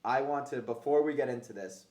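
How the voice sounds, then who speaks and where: Fairly quick and darkish at medium pitch, this podcast host chats casually about fitness, full of gym-bro slang and offhand swearing. The sound is roomy and echoey.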